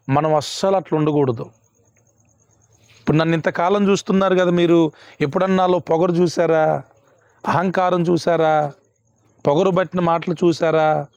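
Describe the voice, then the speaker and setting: Man, pastor, high voice, emphatic sermon, dull dry lo-fi recording. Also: a little mellow, no room sound. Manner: emphatic, repeats questions to the congregation.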